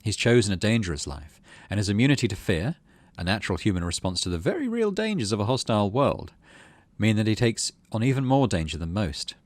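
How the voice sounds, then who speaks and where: A man reads story text from a video game aloud, acting as an expressive narrator with dramatic storybook delivery and casual asides. His voice is on the low side and fairly quick, in a dry recording.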